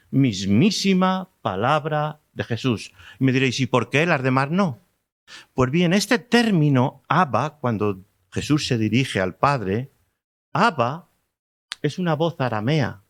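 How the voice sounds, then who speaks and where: Man, Spanish accent, preacher, sermon, middle pitch, repeats words for emphasis, rhetorical questions. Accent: Spanish from Spain. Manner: teaching tone with rhetorical questions to the congregation.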